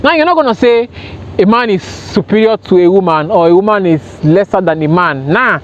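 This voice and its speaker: Perched on a railing beside the water, a man records an off-the-cuff motivational talk for his self-help vlog, speaking to camera with earnest emphasis and frequent repetition to drive points home. He sounds high-pitched, animated, and a little fast, and the audio is muffled, lo-fi, and full of outdoor noise.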